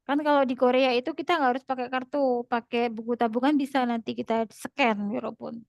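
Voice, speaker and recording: Patient woman tutor, somewhat high voice, repeats key words, close dry mic. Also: steady tone, brisk, gravelly, a little mellow, no echo. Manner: explains patiently, repeats terms, laughs often. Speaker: Korean language tutor. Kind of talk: online class explanation.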